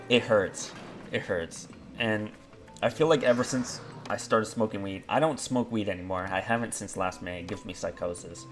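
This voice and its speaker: A man's voice: on the low side, fairly bright tone. A young man from Canada in a confessional monologue, rambling and profane, with many fillers and restarts. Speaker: vlogger.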